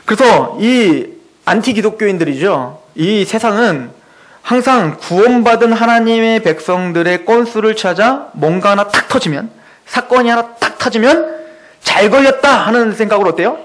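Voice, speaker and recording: A man with a very high voice preaches a sermon. His pitch swings widely as he tells everyday stories and acts out the people in them. He keeps asking the congregation rhetorical questions. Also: poor audio. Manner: animated storytelling with rhetorical questions; acts out quoted speech. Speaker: pastor. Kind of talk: expository sermon.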